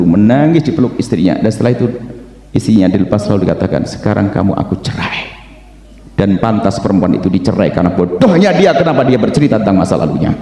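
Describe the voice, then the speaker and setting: A man preaching a sermon, acting out the voices in a story and swinging from hushed tones to shouting. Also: fairly low pitch. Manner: acts out dialogue in a story, swings from quiet to shouting. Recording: echoey hall, long reverb.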